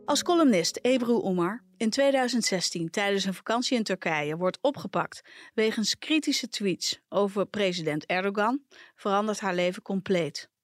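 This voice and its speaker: A woman reading a first-person personal story aloud for a podcast, in a calm, measured storytelling manner. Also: mid-range voice, no echo. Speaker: podcast reader.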